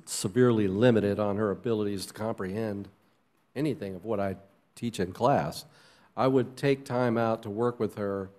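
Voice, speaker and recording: A middle-aged man, a schoolteacher, giving a halting, heartfelt personal testimony at a church service. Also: fairly low pitch, mellow. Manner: halting and heartfelt, with fillers and restarts. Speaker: teacher sharing a testimony. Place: church sanctuary.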